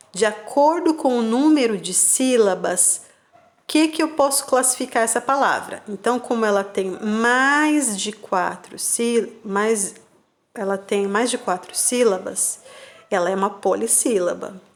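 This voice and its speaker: A woman teacher, giving patient, slow remote-class instructions to young children and spelling out syllables. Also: on the high side. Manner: checks in with "tá bom?" and "combinado?". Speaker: primary school teacher.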